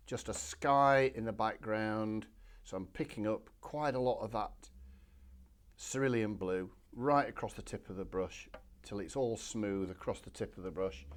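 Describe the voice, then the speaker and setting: Chatty man teaching watercolour. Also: fairly low pitch. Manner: relaxed, chatty step-by-step explaining. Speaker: watercolour art instructor. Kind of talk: painting demonstration. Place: home art studio.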